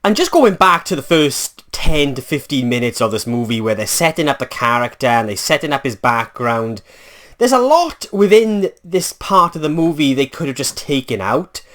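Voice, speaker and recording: With a slightly high, somewhat bright voice, a man from Wales talks through a film review in his Welsh accent. It's casual and meandering, peppered with fillers, and he keeps correcting himself.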